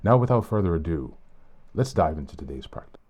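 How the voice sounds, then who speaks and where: Hoarse and a little unwell, this man has a very low voice and reads reflectively on his podcast. His delivery is measured, sincere and unhurried.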